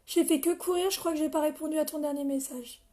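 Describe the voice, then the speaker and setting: A woman's voice: high-pitched, steady tone, quick pace, warm tone. A young woman chatting through a live makeup tutorial, greeting viewers by name and coughing now and then. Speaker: makeup seller training her team.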